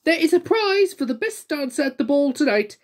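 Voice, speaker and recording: A grand storybook lady hosting a ball, imperious and announcing, pitched high and bright. A woman voices her in a children's book reading. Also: sing-song, brisk.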